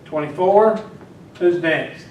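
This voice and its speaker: This is a classroom lecture in which a man teases his students and talks to them as he works. His voice is a little high and unhurried, and the sound is lo-fi. Recorded far from the mic, the classroom sounds echoey and distant, with faint noise.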